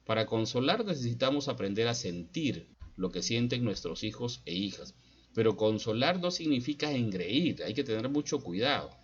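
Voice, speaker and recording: A man's voice: mid-range voice, very animated, normal speed, husky, muffled recording. A man giving an instructional talk to parents, posing points as repeated rhetorical questions. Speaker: speaker advising parents.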